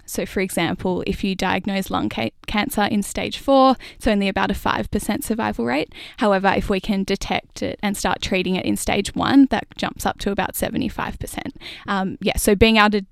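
A young woman researcher gives explanatory interview answers in plain, informal words. Her voice is mid-pitched with noticeable creak. The sound is very dry. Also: fairly even intonation, fairly quick, hardly any pauses, dry recording. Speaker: PhD researcher, interview guest.

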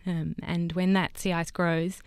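This young woman, a PhD candidate and co-host appearing as a guest scientist, talks through science informally and unscripted. Her fairly low voice is level and smooth, her pace measured, with no room sound.

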